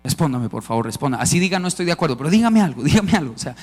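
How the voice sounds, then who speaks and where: Colombian guy preaching at a conference, high voice, punchy and emphatic, gets the crowd to answer. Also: very animated, very fast, a little mellow. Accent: Colombian Spanish. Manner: emphatic, calls for audience responses. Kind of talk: conference sermon. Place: church conference stage.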